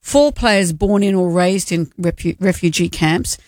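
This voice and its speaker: A woman's voice: lowish voice, a little slow, a little mellow, no echo, clean studio sound. An Australian woman co-hosting a drive-time radio show, chatting with enthusiasm and strong opinions. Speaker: radio co-host. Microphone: studio microphone.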